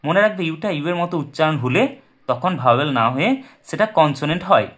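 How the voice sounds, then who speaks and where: Male teacher, slightly raised pitch, patient, walks through examples step by step. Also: animated, fast talker, fairly bright tone. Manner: patient, repeats points and asks then answers his own questions. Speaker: English teacher. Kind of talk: explaining a lesson. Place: indoors at a desk with paper and pen.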